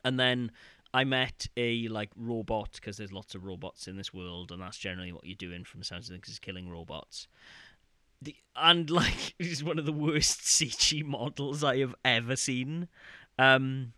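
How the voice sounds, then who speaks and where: A young man co-hosting a casual podcast, rambling and animated, slipping into mock voices to quote the game. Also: mid-range voice, moderate pace, no room sound. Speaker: podcast co-host.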